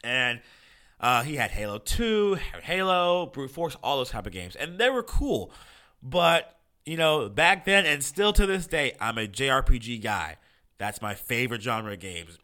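Froggy, congested American man with a bright edge. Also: mid-range voice, very animated, a little slow. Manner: informal, profane, opinionated. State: sick with a cold. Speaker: podcast host. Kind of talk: casual solo podcast commentary on video games.

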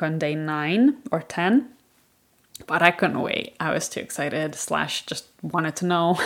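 A woman's voice: on the low side, fairly bright tone. A woman from Ireland hosting a podcast, telling a personal story in a candid, chatty way with plenty of fillers. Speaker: podcast host.

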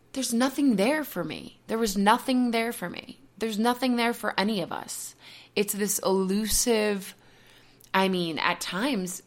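A woman podcast host speaking openly and reflectively in a personal monologue, full of casual "like" fillers. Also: mid-range voice. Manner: open, reflective, many "like" fillers.

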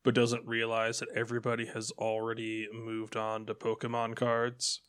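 A man co-hosting a motorcycle podcast in relaxed, casual chat. His voice sits at an ordinary middle pitch. He gets animated and acts out little quoted lines as he goes. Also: moderate pace, smooth. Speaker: podcast co-host.

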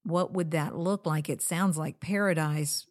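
This is a middle-aged woman with a notably deep voice for a woman. She co-hosts in a casual, reflective style, often slipping in little conversational asides. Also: fairly even intonation, unhurried. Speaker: co-host of a marriage show.

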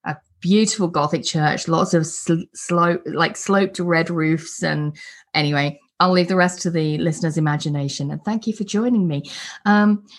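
A woman's voice: on the low side, moderate pace. A woman hosting an interview podcast, chatty and friendly, often restarting her sentences. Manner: warm, chatty, with many restarts. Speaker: podcast host. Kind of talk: casual interview chat.

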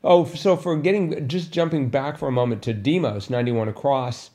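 Soft-spoken man with a dark, mellow tone. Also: mid-range voice, a little fast. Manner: soft-spoken, hesitant, self-correcting. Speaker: podcast co-host. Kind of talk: casual chat about a crossword puzzle.

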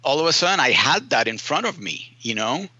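A man's voice: medium pitch, very animated, fairly quick, pushed and bright, breathy edge, no room sound, highs cut off. A man from Rico, a film editor telling his story casually in an interview, full of "you know" and "man". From Puerto Rico.

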